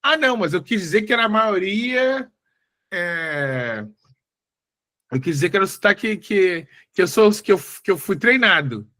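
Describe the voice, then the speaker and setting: Stubborn know-it-all chatbot, voiced by a Carioca man, insistent, bright high tone. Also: expressive, moderate pace. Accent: Carioca Brazilian Portuguese. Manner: insistent, patiently correcting.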